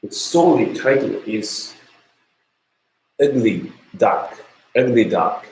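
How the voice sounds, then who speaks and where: A man with a Japanese accent giving an online university lecture in English, halting and full of fillers as he searches for words. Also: mid-range voice, expressive, a little mellow, roomy sound, low-quality recording. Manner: hesitant, many fillers and restarts.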